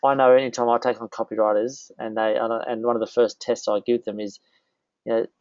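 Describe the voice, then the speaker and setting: Gravelly-voiced man hosting an interview. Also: medium pitch, flat delivery, a little fast, a little mellow, no room sound, lo-fi sound. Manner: rambling, restarts a lot. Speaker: host. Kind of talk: casual interview chat.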